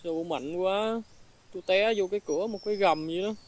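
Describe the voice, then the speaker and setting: A woman's voice: fairly low pitch, a little fast, darkish tone. Middle-aged Southern Vietnamese woman, wronged wife recounting events, aggrieved tone. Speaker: storyteller in a ghost film. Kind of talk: first-person dramatic storytelling.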